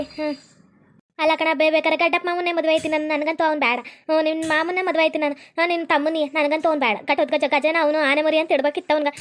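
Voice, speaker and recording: Woman, North Karnataka accent, very high and quick, rustic and scolding, cartoon comedy voices. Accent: North Karnataka Kannada.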